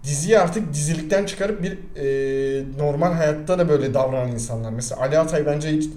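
A man's voice: fairly high pitch, fairly quick, reverberant. A young man chatting casually as a podcast co-host, rambling and joking as he tells stories. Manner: rambling, joking, animated storytelling. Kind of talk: casual chat.

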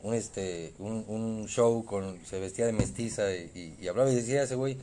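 A Mexican man from Yucatán in a casual podcast chat, blunt and crude, often pausing on fillers. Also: fairly low pitch, warm tone. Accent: Mexican Spanish. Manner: blunt, swears, hesitant with fillers. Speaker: podcast co-host.

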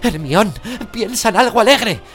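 A man voicing a brave, desperate teenage boy wizard in an audiobook, with high, strained shouting. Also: wildly swooping pitch, slow pace, music in the background, heavily acted.

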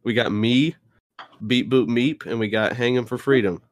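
A man hosting a podcast casually, talking informally and haltingly as he feels his way through phrases. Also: medium pitch, no room sound, studio quality. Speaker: podcast host.

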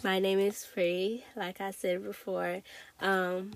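A woman's voice: mid-range voice, little pitch movement, slow pace, no room sound. A woman in her late teens from Togo, chatting casually and hesitantly in a rambling, informal solo podcast style. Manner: informal, hesitant, peppered with "you know" and "like". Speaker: podcast host.

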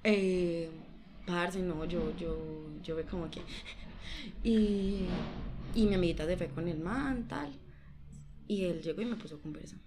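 A young woman with a Colombian accent, telling a personal story in a giggly, animated way, full of slang. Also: fairly low pitch, a little slow, pauses often, background noise. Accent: Colombian Spanish. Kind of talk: casual chat.

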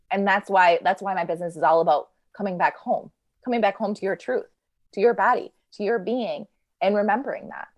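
A woman speaking as a podcast guest, earnest and reflective, with plenty of fillers as she works through her thoughts. Her voice sits a little low. The sound is dry and close. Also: no room sound. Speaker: podcast guest, healing coach. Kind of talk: casual podcast chat.

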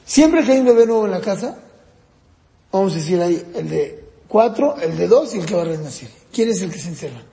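A man's voice: sits high, big pitch swings, brisk, gravelly, mellow. A man giving a lesson on raising children, asking his listeners questions and acting out children and parents in raised voices. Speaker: parenting teacher. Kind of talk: lecture on child rearing. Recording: echoey hall with long reverb.

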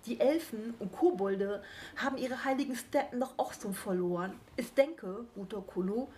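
A woman's voice: on the high side, normal speed, mellow, a little hiss or hum, close to an everyday voice. A woman voicing a lisping, pushy male hedgehog who nags and lectures bluntly. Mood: lecturing.

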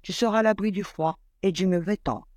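A man voicing a kind mother who gently reassures her two daughters in a read-aloud fairy tale. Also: high voice, a little fast, dry recording, studio quality, voice pushed up, lightly acted. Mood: gentle.

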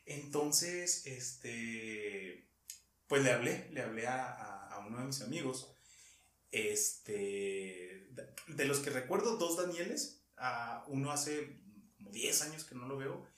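A man with a Mexican accent telling a story in casual conversation, halting and rambling, with frequent laughs. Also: medium pitch, lively intonation, fairly bright tone. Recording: echoey room, far from mic.

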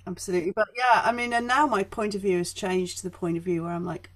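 A woman talks casually in a soft Yorkshire accent at a middling pitch. She is emphatic and digressive, interrupting herself as she works towards what she means. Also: fast talker. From northern England (Yorkshire), born in Essex. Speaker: guest, performer. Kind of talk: casual conversation.

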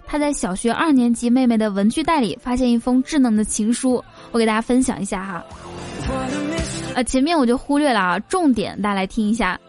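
A woman with a fairly high voice hosts a casual comedy monologue over background music. She is chatty and talks straight to her listeners, tossing them teasing questions as she goes. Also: expressive, a little fast, a little mellow. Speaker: comedy show host.

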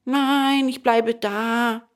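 A woman voicing a wooden puppet boy, easily swayed, in a storybook reading, with a high, pleading childlike voice. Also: fairly even intonation, very slow. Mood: reluctant.

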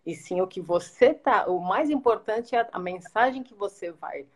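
A woman answering as a guest in a live interview over a video call, soft-spoken and hesitant with many restarts. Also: medium pitch, expressive, normal speed.

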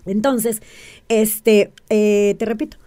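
Dark-voiced woman explaining. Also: mid-range voice, fairly even intonation, takes it slowly. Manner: keeps checking in with "¿sí?" and asks rhetorical questions. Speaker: interview guest, self-described witch. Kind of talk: explanatory interview talk.

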